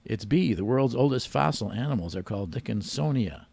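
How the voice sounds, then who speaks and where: Gravelly-voiced wisecracking man hosting a quiz. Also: medium pitch, expressive, a little fast, a little mellow, dry recording. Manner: wisecracking, teasing. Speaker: quiz show host. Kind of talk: joking quiz banter.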